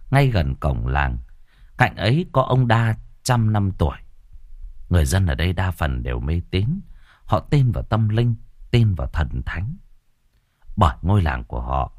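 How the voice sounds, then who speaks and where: A man narrating a ghost story in a measured, expressive storytelling manner. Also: low voice, dry recording, studio quality.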